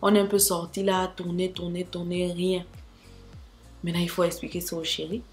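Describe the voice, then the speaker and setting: A woman's voice: on the low side, little pitch movement, moderate pace, soft background music. A young woman telling a dramatic storytime vlog, talking straight to her viewers with asides. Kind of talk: animated storytime monologue.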